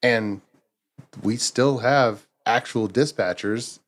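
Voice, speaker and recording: Male podcast host, mid-pitched, easygoing interviewer. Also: slow. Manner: conversational, asks questions. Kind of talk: casual interview talk.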